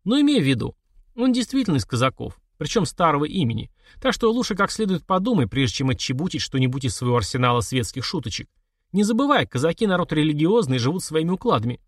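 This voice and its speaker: A man's voice: a little high, very animated, fast, no room sound, clean studio sound, pitched above the performer's own voice. A man playing a dryly ironic retired officer, a prince, in an audiobook.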